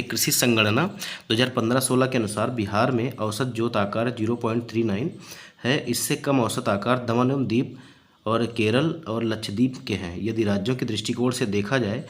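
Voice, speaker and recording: A man teaching a recorded exam-prep lesson. His pitch sits in an ordinary middle range. He explains patiently, leans on fillers and says key figures twice. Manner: explanatory, many fillers and repeated phrases. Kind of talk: exam-prep lecture solving past questions.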